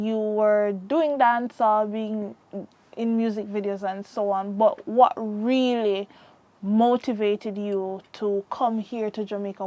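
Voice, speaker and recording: Woman interviewer, mid-pitched voice, brief and direct questions. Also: warm tone, no room sound.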